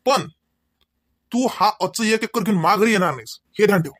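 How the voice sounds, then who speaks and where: A man with a high, fairly bright voice plays a proud, angry village husband in an amateur comedy cartoon, speaking at normal speed in a Varhadi Marathi accent. Stern and defiant, he scolds and fires off rhetorical questions. The studio recording is clean, with no room sound.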